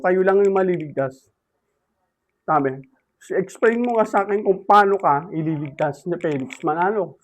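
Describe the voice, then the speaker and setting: A man's voice: high-pitched, rough recording. A man vlogging an indignant, repetitive rant as he recounts an argument about religion. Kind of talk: ranting religious vlog monologue.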